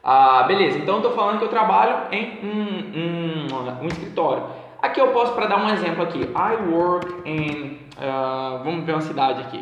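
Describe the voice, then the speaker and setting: A man from Brazil giving a casual online English lesson, explaining patiently and repeating examples slowly. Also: on the high side, expressive, fairly bright tone, highs cut off, a little hiss or hum. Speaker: English teacher. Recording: very echoey room, long reverb.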